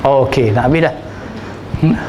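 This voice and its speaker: A religious teacher with a Malaysian Malay accent leads a sermon-writing workshop, lecturing conversationally, acting out examples, and often checking in with "ya." His mid-range voice moves at a moderate pace over background noise.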